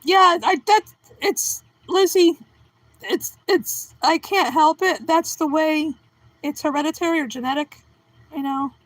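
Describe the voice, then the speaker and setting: A middle-aged woman with a high voice chats on her livestream, replying to viewers and tossing out silly puns and jokes at her own expense. The sound is dry and close, with no room echo. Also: a little slow. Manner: goofy, joking, punning, self-deprecating. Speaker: livestream host reading chat. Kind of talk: casual livestream chat.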